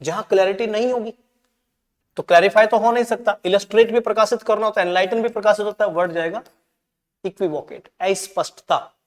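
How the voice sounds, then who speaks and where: With a brisk delivery and a high voice, this man goes through exam answers in an English prep class, explaining in Hindi while reading out the English. He regularly checks in with "ठीक है?", and his voice trails off into a long reverb.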